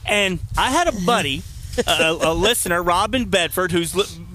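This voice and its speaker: A chatty middle-aged male radio host with a bright, forceful tone and a slightly raised pitch. He talks in a loose conversational way, full of asides and stories. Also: lively intonation, normal speed, a little hiss or hum. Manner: chatty storyteller. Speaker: radio talk show host. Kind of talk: local radio chat.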